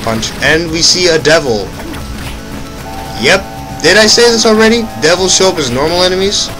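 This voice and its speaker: With a high-pitched voice, lively intonation and a moderate pace, a young man rambles casually over his own gameplay, correcting himself mid-sentence and making offhand comments. He's a let's play commentator, recorded with poor audio and loud game music behind him.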